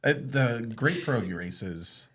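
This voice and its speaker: A man co-hosting a podcast, relaxed, asking rambling questions and often saying "yeah". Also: mid-range voice, a little slow, breathy edge. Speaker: podcast co-host. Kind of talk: casual interview chat.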